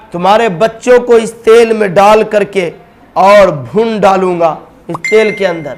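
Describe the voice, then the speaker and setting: Brief: a cruel, arrogant tyrant king, high and pushy, threatening his captive, as a preacher puts him on in a sermon. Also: a little hiss or hum, natural voice. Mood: menacing. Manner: threatening, taunting.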